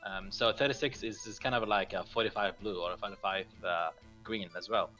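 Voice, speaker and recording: A man co-hosting a casual gaming podcast, talking hesitantly with lots of pauses and restarts. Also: fairly low pitch, steady tone, sharp tone. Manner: hesitant, many fillers and restarts, laughs easily. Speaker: podcast co-host. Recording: faint music bed behind.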